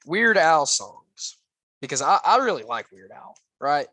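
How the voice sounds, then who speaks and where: Lively young man, animated podcast chatter. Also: a little high, measured pace, no echo. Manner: enthusiastic, stammering, lots of "like". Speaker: podcast co-host. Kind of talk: casual film podcast chat.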